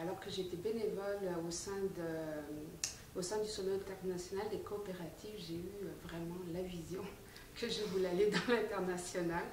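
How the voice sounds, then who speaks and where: A woman's voice: mid-range voice, darkish tone. A woman in her forties, from France, answering interview questions in an earnest, composed way. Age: 40s. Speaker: volunteer manager. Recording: echoey room, far from mic, faint noise.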